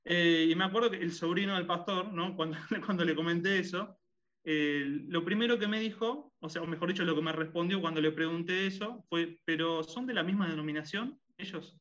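A male guest with a Rioplatense Spanish accent, the kind heard in Argentina and Uruguay, speaks in a conversational interview. His bright, slightly high voice is halting, full of fillers and restarts, and the lo-fi sound is dull.

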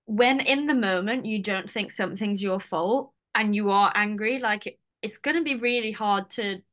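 A woman's voice: medium pitch, normal speed, fairly bright tone. A woman hosting a casual chat and responding sympathetically to her guest. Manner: sympathetic, agreeing. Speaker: host.

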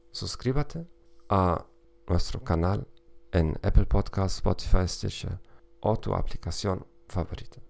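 A man with a German accent and native German, hosting a scripted podcast with careful, halting non-native delivery. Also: low voice, gravelly, a little mellow. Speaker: podcast host, language teacher.

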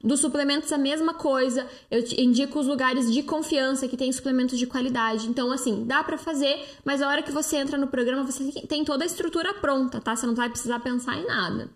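A woman with a Brazilian Portuguese accent and a high voice talks quickly, with few pauses, into a close-up phone mic. As a detox coach hosting a live stream, she answers viewer comments in a chatty, persuasive style full of fillers.

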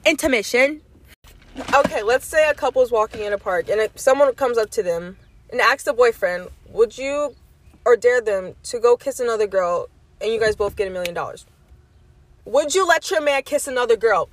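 A woman's voice: a little high, lively intonation, moderate pace. A young woman co-hosting a casual chat, playful and giggly, full of slang. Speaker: co-host. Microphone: camera.

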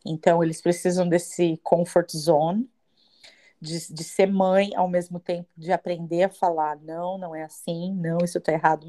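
A woman, a mother, co-hosting a casual podcast, agreeing often and sharing reflections. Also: low voice. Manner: agreeable, warm affirmations, earnest reflections as a mother. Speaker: podcast co-host. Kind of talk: casual chat.

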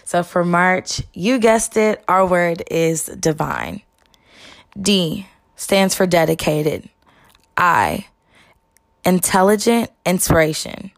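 A young woman from Texas performing a rhythmic, expressive spoken-word poem. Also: fairly low pitch, slow. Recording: soft music behind voice.

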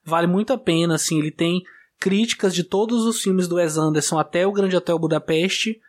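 A man with a Brazilian Portuguese accent hosting a podcast in casual chat, talking in a relaxed way with small restarts. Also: sits high, brisk. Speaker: podcast host.

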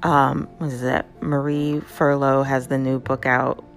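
A woman hosting a casual motivational talk, conversational and lively, often checking in with "right?". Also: very deep voice, a little slow, gravelly, faint music behind. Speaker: host.

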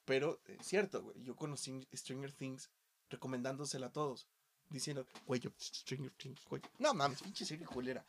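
A man with a Mexican Spanish accent hosts a casual podcast chat. He talks in an animated way, swears freely, and swings between quiet asides and loud outbursts. His voice sits in an ordinary middle pitch. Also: normal speed, slight background noise. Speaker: podcast host.

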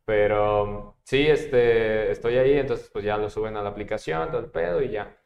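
A man's voice: lowish voice, moderate pace, gravelly, a little mellow. A young man with a Mexican accent, hosting a podcast and telling rambling, slang-filled stories in casual chat. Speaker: podcast host. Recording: echoey room.

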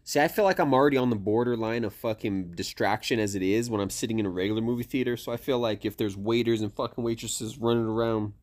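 A man with a slightly low voice in casual podcast conversation. He sounds laid-back and informal, and drops swear words as he goes. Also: fast talker, few pauses, darkish tone. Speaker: podcast co-host. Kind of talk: casual chat.

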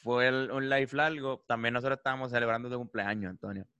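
A man with a Puerto Rican accent, co-hosting a casual podcast in a relaxed, easygoing way. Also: mid-range voice, fast, smooth, no room sound, lo-fi sound. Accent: Puerto Rican Spanish. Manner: laid-back, laughs often. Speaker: podcast co-host. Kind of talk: casual chat.

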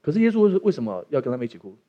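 A man's voice: mid-range voice, big pitch swings, rapid-fire, mellow, lo-fi sound. A man preaching a sermon as pastor, opening with a prayer and joking with the congregation. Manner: playful, jokey preaching with acted asides.

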